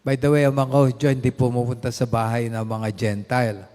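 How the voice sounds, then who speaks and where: A man's voice: medium pitch, little pitch movement, fairly quick, darkish tone. An older man preaching a sermon as pastor, mixing two languages and rising to emphatic stresses on key words. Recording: echoey hall reverb.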